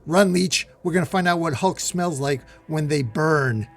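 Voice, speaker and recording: A man voicing a hotheaded male fire mutant who shouts boasts at his enemy. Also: a little high, measured pace. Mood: defiant.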